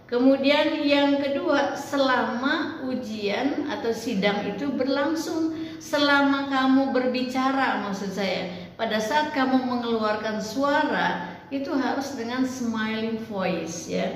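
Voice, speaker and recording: A woman lecturer explains things slowly and deliberately, pausing on fillers as she teaches. Her voice rings out in a very echoey space with a long tail of reverb. A faint hiss of noise sits underneath. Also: high-pitched. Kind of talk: online lecture.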